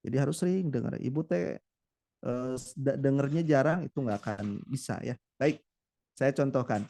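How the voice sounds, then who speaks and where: This Quran recitation teacher has a dark, mid-range voice with vocal fry and speaks at normal speed. He teaches chattily, often turning to his students directly, and demonstrates passages in song.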